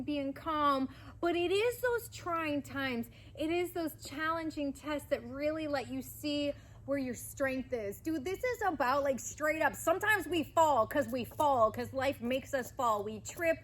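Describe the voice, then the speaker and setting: A woman giving a pick-a-pile card reading in an enthusiastic, chatty way that sometimes gets loud and rowdy. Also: sits high. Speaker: tarot card reader.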